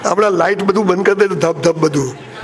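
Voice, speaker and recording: A man's voice: high-pitched, a little fast, crowd noise. A man with a Gujarati accent giving a live motivational speech to a seated audience, joking and acting out lovers' lines in playful voices. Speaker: motivational speaker.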